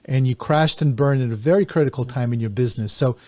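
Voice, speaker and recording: A man hosting a podcast, asking a guest a question in a measured way. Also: medium pitch, darkish tone. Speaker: podcast host. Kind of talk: interview questions.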